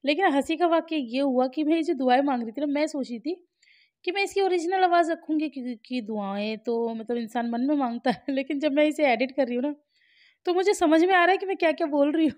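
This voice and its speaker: An Indian mother chatting casually to her viewers in a home vlog, talking freely and laughing often, dropping soft and low when she turns reflective. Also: fast talker. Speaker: family vlogger, mother.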